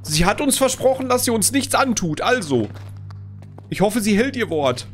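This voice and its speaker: A man's voice: high voice, lively intonation, normal speed, soft background music. A middle-aged man giving casual let's play commentary as a scared horror game streamer, exclaiming and pleading as he plays.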